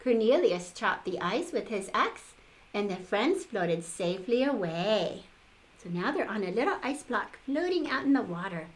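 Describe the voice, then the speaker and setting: A woman's voice: medium pitch, sing-song, normal speed. An older woman, a sweet old lady, reading a storybook aloud expressively as a grandmother, with playful asides.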